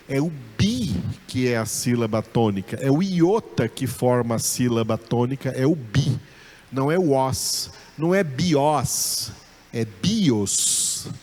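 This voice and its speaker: A man's voice: mid-range voice, darkish tone. A man with a Brazilian Portuguese accent teaching a recorded Bible school lesson, patiently repeating each point and checking in with his students. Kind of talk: recorded lesson on Koine Greek.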